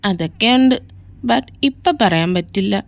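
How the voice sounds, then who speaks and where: A woman's voice: mid-range voice, lively intonation, measured pace, vocal fry, dry recording. Woman reading as a cheeky gushing younger brother. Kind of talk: fan fiction audio story.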